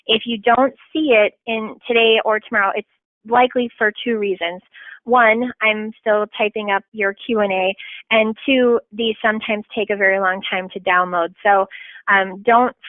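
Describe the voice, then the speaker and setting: Brief: woman attorney hosting a webinar, chatty and quick, tinny phone-like line, dry sound. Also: mid-range voice, no room sound. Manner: chatty, quick, self-deprecating, frequent ums. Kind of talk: webinar presentation.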